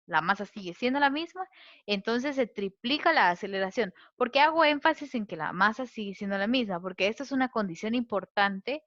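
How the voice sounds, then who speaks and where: A woman's voice: fairly high pitch, a bit bright, no echo. A woman teaching a physics lesson, explaining step by step and often checking that listeners follow. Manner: patient, checks understanding with a questioning tag. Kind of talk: explaining physics over slides. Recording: muffled lo-fi recording.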